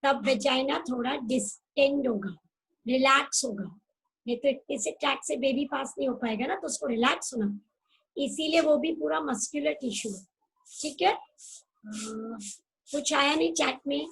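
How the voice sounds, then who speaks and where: A woman's voice: sits high, normal speed, vocal fry, fairly bright tone, a little hiss or hum, rough recording. A woman teacher giving an online class, patiently repeating key terms and checking that students follow. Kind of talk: online class lecture mixing Hindi and English.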